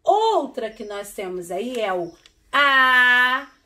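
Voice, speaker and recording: Bright-voiced teacher, slow and patient. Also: female voice, a little high, animated. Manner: slow, syllable-by-syllable sounding out of words; patient, coaxing with frequent "tá?" and "né?". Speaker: primary school teacher. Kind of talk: online literacy lesson for young children.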